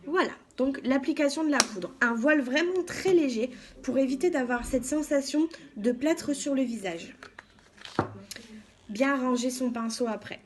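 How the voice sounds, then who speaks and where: A woman giving a calm, step-by-step makeup tutorial as a beauty vlogger, often saying "donc" and "voilà". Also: high voice, measured pace, a crowd in the background.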